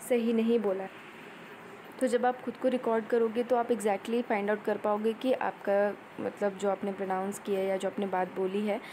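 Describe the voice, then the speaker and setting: A woman teaching an exam-prep lecture, explaining in Hindi with many fillers and reading English headings out slowly. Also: mid-range voice, warm tone, a little hiss or hum, poor audio.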